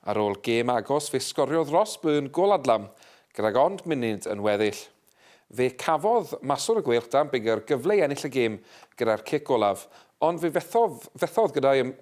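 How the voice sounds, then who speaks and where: A man reads a local news bulletin in a measured, scripted way. His voice sits at an ordinary middle pitch, and the delivery stays steady and even from one item to the next. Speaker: news presenter.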